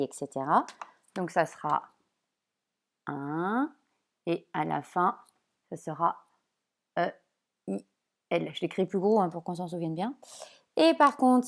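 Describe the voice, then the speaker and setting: A woman teacher explaining spelling sounds at a whiteboard, slow and patient, checking often that her pupils follow. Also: lowish voice, gravelly. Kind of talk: remote classroom lesson at a whiteboard.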